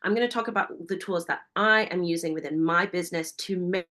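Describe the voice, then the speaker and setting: A woman, a founder giving a fast, enthusiastic webinar presentation and asking her audience many questions. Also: lowish voice, fairly bright tone. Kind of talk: energetic business presentation.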